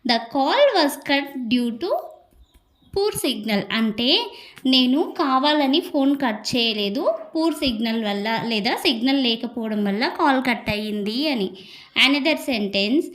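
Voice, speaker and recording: A woman with a Telugu accent teaching spoken English, reading each example slowly and then explaining it quickly in Telugu. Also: on the high side, lively intonation, a bit bright.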